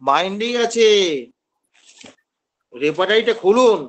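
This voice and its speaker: A man's voice: high-pitched, lively intonation, measured pace. A man teaching homeopathy in an online class, explaining at length and acting out how patients speak. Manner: explanatory, acts out patients' lines.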